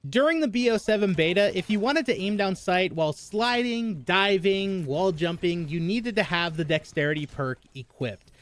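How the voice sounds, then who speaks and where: A man's voice: sits high, animated, moderate pace, hardly any pauses. A man hosting a gaming news video, speaking with a slightly slurred mouth numb from the dentist. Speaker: gaming YouTube host. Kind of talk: scripted-sounding gaming news narration.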